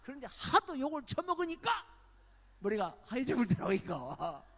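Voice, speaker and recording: Older male preacher, animated storyteller, high and lively, in a reverberant hall. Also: moderate pace. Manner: lively storytelling, acting out the people in his stories. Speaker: retired senior pastor. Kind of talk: sermon. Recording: long church-hall reverb.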